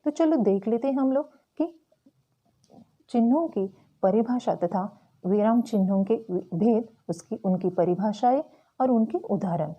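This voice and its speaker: A woman teacher explaining a Hindi grammar lesson slowly and carefully to school students. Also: a little high, expressive, highs cut off. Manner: slow, careful explaining with frequent "tो चलो".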